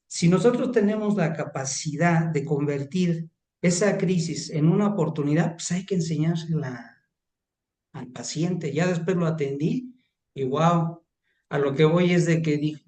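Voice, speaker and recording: A man's voice: on the high side, a little slow, a little mellow. A man, a pastor and counselor, sharing a rambling, emphatic story in an online class. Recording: roomy echo.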